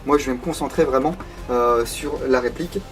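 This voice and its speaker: A man with a medium-pitched, brisk voice hosts his own video reviewing a collectible replica. He chats casually and unscripted, full of hesitation fillers and self-deprecating asides.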